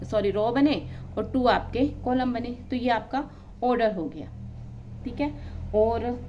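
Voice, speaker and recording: Brief: woman maths tutor, fairly high voice, steady counting-through-the-board delivery, slightly lo-fi with a faint hum. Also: unhurried. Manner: counts items aloud one by one, checks in often. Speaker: maths teacher. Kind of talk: explaining a classroom lesson.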